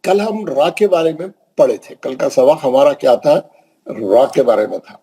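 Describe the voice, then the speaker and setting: Man teaching recitation, husky, mellow, asks and answers his own questions, slow drawn-out examples. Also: medium pitch, big pitch swings, low-quality recording. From Hyderabad, India. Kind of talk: classroom tajweed lesson.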